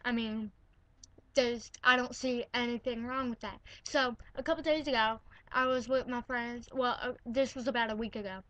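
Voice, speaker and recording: A woman's voice: a little high, fairly even intonation, moderate pace, fairly bright tone. A teenage girl ranting from her bedroom in an indignant, sarcastic way, filling her talk with "like" and "all right?". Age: teens. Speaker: vlogger. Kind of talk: ranting to camera.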